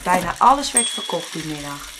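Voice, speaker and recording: A woman narrating a children's storybook in an expressive, dramatic way. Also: lowish voice, moderate pace, background noise.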